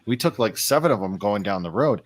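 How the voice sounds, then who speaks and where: A man co-hosting a casual car podcast, telling stories with animated quoted voices. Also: lowish voice, brisk, dry recording. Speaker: podcast co-host.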